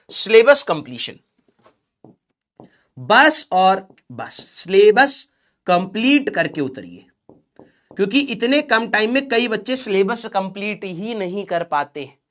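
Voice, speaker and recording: A man's voice: high-pitched, fairly bright tone. A man who teaches exam students, giving a direct, fatherly motivational talk and repeating his key points.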